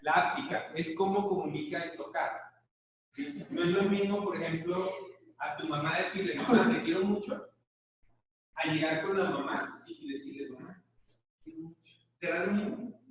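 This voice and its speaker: High-voiced Mexican man lecturing in an echoey hall. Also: normal speed, recorded from a distance, slight background noise. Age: middle-aged. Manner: joking storyteller who checks in with the audience. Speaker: lecturer on body language. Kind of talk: live conference talk.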